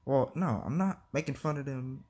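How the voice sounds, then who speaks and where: This vlogger has a husky, warm, medium-pitched voice and talks at a moderate pace. Recording on his phone, he addresses the camera in a casual, rambling way, hesitant and giggly, often starting over.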